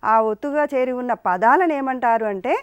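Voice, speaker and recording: A woman leads a children's lesson, her high voice smooth and clear. She coaxes the class along with patient questions. The sound is close and dry, with no room behind it. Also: a little fast, no echo, highs cut off. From India. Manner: patient, coaxing questions to pupils. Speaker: teacher.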